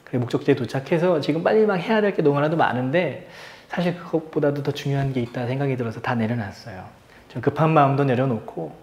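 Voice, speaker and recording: Male pastor, 30s, sermon storyteller; plain mid voice, roomy church reverb. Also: medium pitch. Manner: storytelling, acts out quoted voices softly and loudly. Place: church sanctuary.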